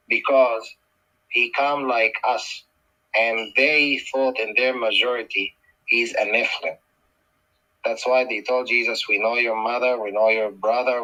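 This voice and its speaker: Male guest speaker, Tongan accent, bright and forceful. Emphatic religious explainer who repeats key phrases. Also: mid-range voice, poor audio. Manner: emphatic, repeats phrases, poses rhetorical questions.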